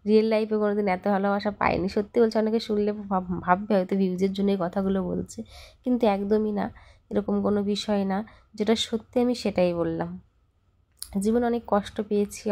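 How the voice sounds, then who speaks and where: A young woman talking fast and freely in a home vlog voice-over. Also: medium pitch, a little mellow. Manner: fast, chatty, talks a lot. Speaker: vlogger. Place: home, voice recorded later as voice-over.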